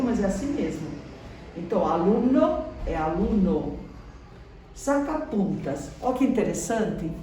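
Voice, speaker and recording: A Brazilian woman with a Brazilian Portuguese accent teaches a school lesson, patiently explaining each word and checking in with the class after every point. Her voice is mid-range and a little mellow. It sounds distant, with roomy echo and faint background noise.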